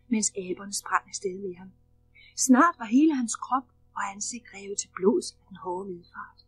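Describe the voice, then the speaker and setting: A woman's voice: fairly high pitch, breathy edge, rough recording. Woman reading a children's storybook. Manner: lively, expressive storytelling. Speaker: audiobook narrator.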